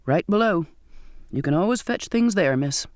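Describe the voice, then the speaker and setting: A man's voice: high voice, animated, moderate pace, no echo, clean studio sound. A man reading aloud voices a decrepit, cringing old sailor who murmurs deferentially and calls his listener "miss.". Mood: cringing warning.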